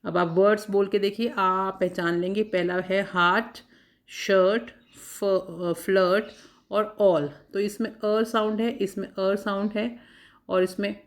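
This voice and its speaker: A woman teacher giving an exam-prep lesson. She sounds out words one by one, repeats them, and reads questions out very slowly. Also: mid-range voice, steady tone.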